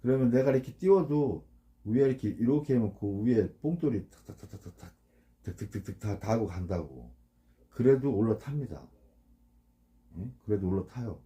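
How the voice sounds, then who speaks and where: A man's voice: on the low side, warm tone. A man, a fishing boat captain, giving casual blunt advice to anglers. He keeps asking for agreement and imitates the sounds of the gear. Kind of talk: casual instructional talk.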